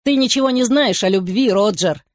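A woman's voice: on the high side, moderate pace, dry recording, clean studio sound, close to an everyday voice. Lovesick young man, frantic and pleading, read by a woman; storybook reading. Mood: agitated. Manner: excited, pleading outbursts.

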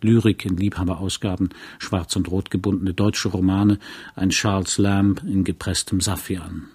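A man reading a novel aloud in a calm, measured narrating voice. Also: sits low, slightly rough. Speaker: audiobook reader. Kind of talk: scripted literary narration.

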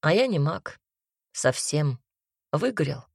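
Audiobook figure: a woman doing a gruff, blunt werewolf husband, lowish voice, dry close sound. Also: very animated, slow, no echo, heavily acted. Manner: blunt, suspicious questioning. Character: gruff young male werewolf husband, sullen.

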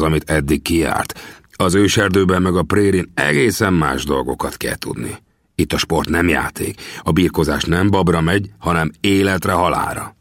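A man voicing a gruff, lecturing older gunsmith in an audiobook, with brusque, scolding questions. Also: rumbling low, dry recording, studio quality. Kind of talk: audiobook character voice.

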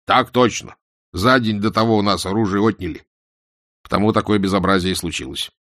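A man voicing a loud, eager, deferential former policeman who barks his words. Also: fairly low pitch, brisk, dry recording, studio quality, natural voice. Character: loud loyal older male ex-policeman.

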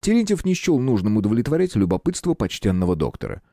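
A man narrating an audiobook with expressive storytelling. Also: lowish voice, fast, dry recording, studio quality. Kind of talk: scripted narration.

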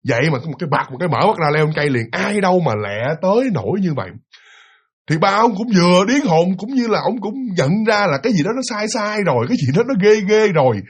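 A man with a Southern Vietnamese accent telling a ghost story in a lively, animated way and speaking straight to his listeners. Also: high-pitched, fast, husky.

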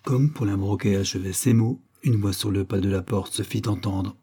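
A man reading a novel aloud as an audiobook narrator, in a measured, even scripted narration. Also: fairly low pitch, slightly rough.

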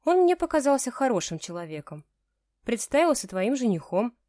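A woman's voice: a little high, big pitch swings, normal speed, warm tone, no echo, studio quality, voice pushed up. A woman voicing a caring, fussing middle-aged mother talking to her daughter.

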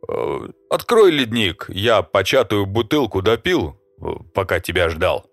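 A man's voice: on the low side, sing-song, measured pace, dry recording. A man voicing a brash, rude male wanderer who is a trader from another world. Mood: pushy. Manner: rude, pushy, mocking.

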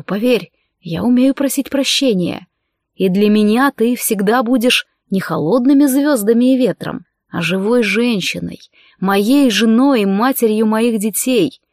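A woman reading an audiobook, voicing a scheming young male sorcerer who speaks in a soft, coaxing, insinuating way. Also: medium pitch, no echo, clean studio sound.

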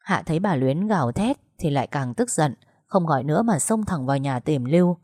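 A woman telling a dramatic story as narrator, in a steady manner. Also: low-pitched, fairly quick, dry recording, clean studio sound.

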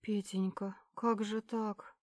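A woman's voice: medium pitch, little pitch movement, slow pace, dry recording, clean studio sound. A woman voicing a frightened young woman secretary in an audiobook, thin-voiced and pleading.

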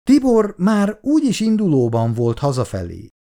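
A reader voicing a proud, touchy young woman who speaks in sharp, indignant lines in a storybook reading. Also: on the low side, huge pitch swings, pitched above the performer's own voice. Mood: curt.

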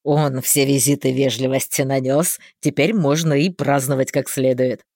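A woman reading an audiobook voices a cheerful, brash male mage who talks in a loud, chummy way. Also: a bass voice, fairly even intonation, normal speed, no echo, clean studio sound, pitched below the performer's own voice. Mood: hearty. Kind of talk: audiobook character voice.

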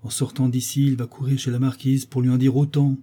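A man's voice: medium pitch, level tone, a little fast, dark tone, husky, close to an everyday voice. A man voicing an earnest young convent girl who firmly scolds her brother in a storybook reading. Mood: scolding. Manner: firm, scolding.

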